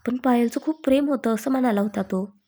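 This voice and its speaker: A woman's voice: on the high side, a little fast, mellow. A woman voicing a loving, playful young bride-to-be with a coaxing manner. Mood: tender.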